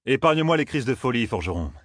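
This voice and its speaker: A man's voice: mid-range voice, sing-song, fast, dry recording, studio quality, voice pushed up. A man voicing a stern, grim warrior who speaks curtly and scornfully. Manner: curt, scornful.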